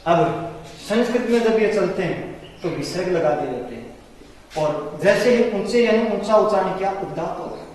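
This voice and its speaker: Male teacher, high-pitched voice, patient explainer, distant mic in a reverberant room. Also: lively intonation, darkish tone, a little hiss or hum. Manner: explanatory, repeats terms slowly for students. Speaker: Hindi grammar teacher. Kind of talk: classroom-style lecture. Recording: echoey room from far off.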